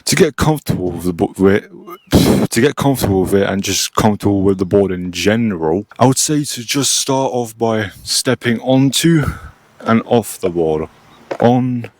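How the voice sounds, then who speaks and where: A man giving a casual, informal step-by-step beginner tutorial as host, recorded on a cheap, low-quality microphone. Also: expressive, normal speed, no room sound. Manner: informal, mildly sweary. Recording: cheap low-quality mic, noisy, clicks.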